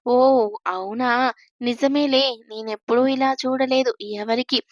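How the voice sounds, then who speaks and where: A woman's voice: fairly high pitch, steady tone, measured pace, no echo, studio quality, close to an everyday voice. A woman voicing a timid, innocent young girl bride who chatters anxiously. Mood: innocent fearful.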